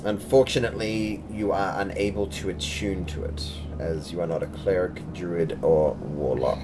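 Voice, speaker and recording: A man with a low-pitched voice runs a tabletop game as game master. He narrates casually and explains things to players. There is clear noise in the recording. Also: steady tone, moderate pace.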